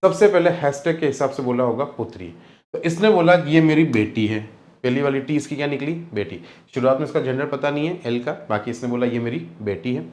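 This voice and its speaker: A man's voice: mid-range voice, fairly quick, a little mellow, echoey room. A young man teaching a reasoning class, patiently repeating steps and quizzing his students.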